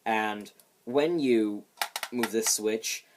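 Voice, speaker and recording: A man with a somewhat low voice walks through a homemade build. His delivery is casual and explanatory, like a hands-on demonstration. He is lightly self-deprecating about his own explanations. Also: very slow, background noise.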